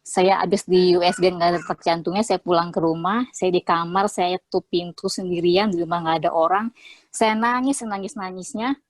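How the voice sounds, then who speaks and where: A woman's voice: on the low side, fairly even intonation, a little fast, no echo. Young woman, testimony guest, heartfelt and chatty, dry close mic. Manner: heartfelt, chatty, lots of fillers. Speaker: interviewee sharing a faith testimony. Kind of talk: casual testimony.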